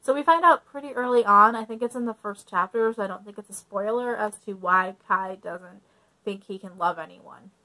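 A woman's voice: mid-range voice, moderate pace, sharp tone, low-quality recording. A young woman talking casually through a book review, friendly and chatty, with frequent ums and likes.

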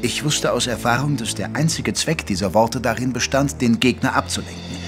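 An actor playing a sober Victorian doctor who narrates a detective adventure in a German audio drama. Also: male voice, mid-range voice, normal speed, natural voice. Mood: suspenseful. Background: music.

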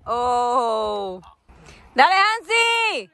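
A woman's voice: fairly high pitch, big pitch swings, very slow, sharp tone. A young woman filming a camp outing on her phone outdoors, chatting casually and cheering people on with frequent laughs. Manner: cheers players on, laughs often. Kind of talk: casual camera commentary, mixing Spanish and English. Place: outdoors at a forest camp, grassy field. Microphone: phone camera held by the speaker.

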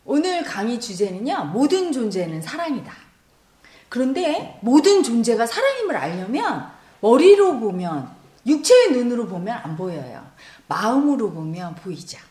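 A woman giving a spiritual lecture as a meditation teacher, expressive and at times dropping to a whisper. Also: fairly high pitch, normal speed, echoey room. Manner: expressive, sometimes drops to a whisper.

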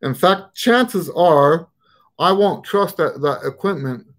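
His pitch sits fairly high, with lively intonation, a slightly bright tone, and a slow pace. He's a middle-aged trumpet teacher rambling through viewer questions on a casual living-room live stream, repeatedly restarting and stammering. Sound comes from a webcam at desk distance inside his home.

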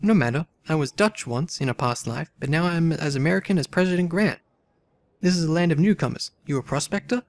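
A man's voice: on the high side, a little fast, lightly acted. A man voicing a jovial, tipsy immigrant man in a text adventure game, read in a hearty, friendly way.

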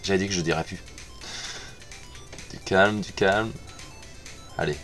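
A man's voice: low voice, a little slow, a bit bright, faint music behind. A man gives casual commentary over his gameplay, muttering to himself, repeating words and swearing when he fails. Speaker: gamer playing on stream.

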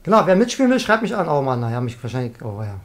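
A woman live-streaming a video game, chatting excitably with viewers and often trailing off and restarting. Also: low-pitched, rapid-fire. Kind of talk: casual live-stream chat while gaming.

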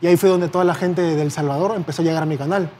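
A man's voice: fairly high pitch, fairly even intonation, racing, mellow, a little hiss or hum. A Peruvian man in his twenties, a guest YouTuber chatting in a TV studio interview, rambling with fillers and restarts. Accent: Peruvian Spanish. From Peru. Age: 20s. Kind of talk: casual interview chat. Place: TV studio set.

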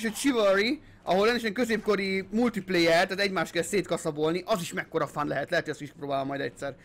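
Commentating his gameplay as host of a gaming channel, this young man has a high voice and an excitable, hyped-up energy. Curses and English gamer lingo pepper his let's play talk, and he gets loud when fights break out.

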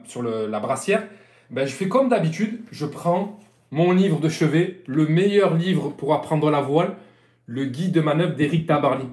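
Casting: male sailing coach, Marseille accent, somewhat high voice, rambling and friendly live-stream delivery, echoey room. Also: a little mellow. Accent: Marseille French. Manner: chatty, rambling, repeats and restarts. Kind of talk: casual live-stream lesson. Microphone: live-stream phone or webcam.

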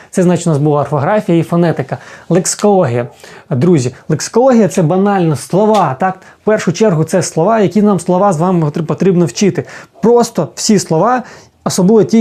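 A man's voice: fairly high pitch, warm tone. A man who is an English teacher, explaining a lesson in a casual spoken way, often checking in with the listener and restarting his sentences. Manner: fast-paced, frequent fillers and restarts, checks in with "так?".

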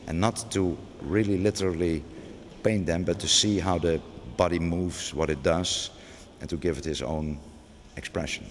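A deep-voiced middle-aged man, a museum curator, answers interview questions unscripted at a moderate pace with fairly even intonation. His speech is hesitant, full of fillers and restarts. The large gallery he's in gives long reverb, and faint noise sits in the background.

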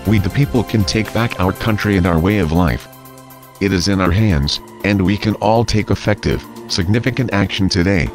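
Male narrator, low voice, solemn scripted political address, clear music bed underneath.

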